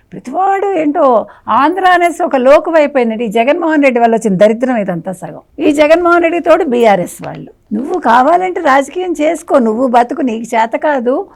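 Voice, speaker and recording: Woman, political talk-show guest, indignant, scolding, rhetorical questions, gravelly voice. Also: a little high, a little mellow. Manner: mixes English phrases into her speech.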